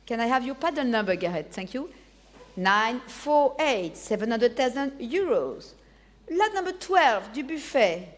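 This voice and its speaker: A woman with a high voice and a French accent runs a live auction. She calls the bids, repeats each figure and nudges bidders by name. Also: very animated, a little slow. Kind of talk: live auction bid-calling.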